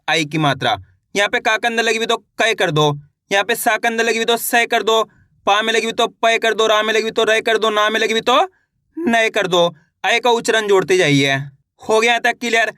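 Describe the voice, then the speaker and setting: Guy teaching reading online, sounds out each syllable slow, keeps asking how do we read it, bright tone. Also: high voice, dry recording, clean studio sound. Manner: slow syllable-by-syllable spelling, frequent rhetorical questions. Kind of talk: online lesson.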